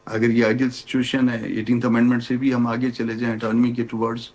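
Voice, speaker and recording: Husky-voiced male lawmaker explaining calmly. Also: mid-range voice, poor audio. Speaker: party lawmaker, guest. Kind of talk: political talk show interview.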